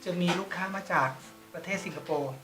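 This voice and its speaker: A woman's voice: fairly low pitch, a little fast, a bit bright, faint music behind, close to an everyday voice, low-quality recording. A woman playing a formal male company president. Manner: formal and polite, addresses staff courteously. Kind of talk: online short drama acting.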